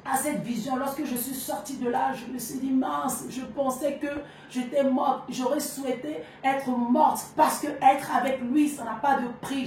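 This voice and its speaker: A woman's voice: high-pitched, darkish tone, distant mic. Woman, emotional testimony, earnest, very echoey room, faint background noise. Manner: earnest, intense, heartfelt. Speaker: speaker giving a testimony.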